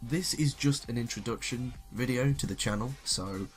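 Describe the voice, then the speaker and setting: Over soft background music, a young adult man narrates a scripted story and drifts into casual comic remarks in YouTuber style. His voice is medium-pitched and his pace is normal.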